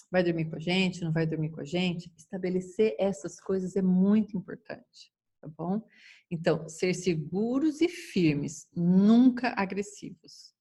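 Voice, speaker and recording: A woman's voice: on the low side, a little mellow. A woman giving an informal talk on raising children, often acting out what parents and children say. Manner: acts out parents and children in quoted lines. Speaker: parenting educator.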